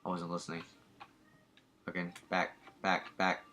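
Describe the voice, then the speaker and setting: A man's voice: deep voice, monotone, a little slow, pushed and bright, faint music behind. A man reading a game aloud and adding wry, offhand commentary. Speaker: game player.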